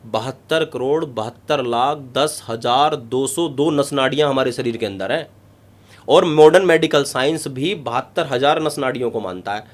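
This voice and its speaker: Emphatic yoga guru man explaining. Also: on the high side. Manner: emphatic, repetitive, explains step by step. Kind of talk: instructive interview talk.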